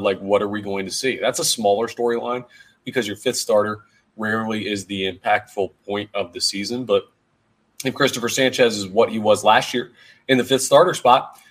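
A man with a fairly low voice hosts a solo sports podcast. He talks in an energetic, conversational way, with plenty of "like" and "uh." His voice sounds a bit worn and hoarse. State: hoarse, voice going. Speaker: podcast host.

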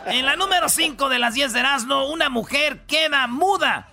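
A man's voice: very high-pitched, moderate pace, vocal fry, noisy background. A man hosting a comedic radio countdown, joking and bantering loosely in slangy talk. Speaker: radio show host.

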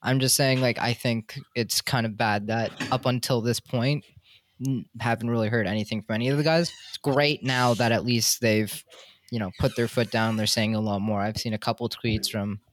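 A man's voice: medium pitch, fairly even intonation, normal speed. A man talking casually in an online discussion over a video call, rambling a bit with sarcastic asides and lots of fillers.

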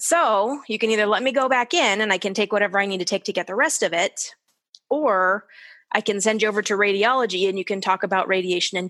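A woman in her forties telling her own story in casual conversation, candid and animated, acting out the people she quotes. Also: medium pitch. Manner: candid and animated, quoting others in lively voices. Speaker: guest. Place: lives in the desert southwest of the US.

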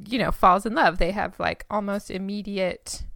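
Gravelly Texas-Valley Girl woman. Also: medium pitch, fairly even intonation, moderate pace, a bit bright, no echo, clean studio sound. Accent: mix of Texan and Valley Girl. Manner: giggly, chatty storytelling with many fillers. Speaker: podcast host. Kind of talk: casual co-hosted true crime chat.

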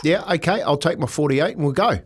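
A man's voice: a little high, animated, brisk, slightly rough. A man chatting casually as a panellist on a sports radio show.

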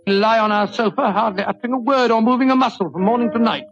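An actor playing an older, avuncular British doctor who reminisces in a wordy, genial 1940s radio drama style. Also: male voice, high-pitched, quick pace, a bit bright. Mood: earnest. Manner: avuncular, wordy, chuckling storyteller. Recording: dull old-time radio recording.

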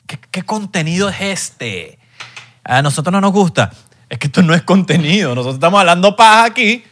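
A young man with a Venezuelan accent, talking in a bright, forceful voice that swings all over its range. He jokes loudly with his co-host and sometimes bursts into a shout. His voice sits a little high. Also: fairly quick. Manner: loud, animated and joking, bursting into shouts. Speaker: podcast co-host. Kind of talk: casual chat.

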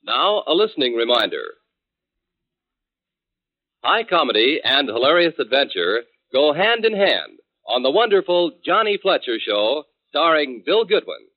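A man announcing in the formal, measured manner of a 1940s radio program, his voice pitched a little high and swinging widely. It comes off an old broadcast transcription disc, thin and tinny like a phone line, with organ music clearly audible underneath. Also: big pitch swings.

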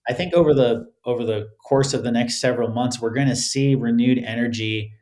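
A man giving considered interview answers as a guest, often halting and repeating words as he starts phrases. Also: mid-range voice, a little mellow. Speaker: podcast guest, crypto legal expert.

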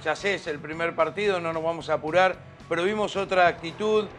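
A man's voice: on the high side, fairly even intonation, brisk, a bit bright, soft background music. A man giving conversational football analysis as a pundit, emphatic and repeating words for weight.

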